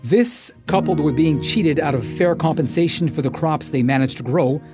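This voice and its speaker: A man narrating a history documentary in a measured, formal scripted delivery. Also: fairly high pitch, over music.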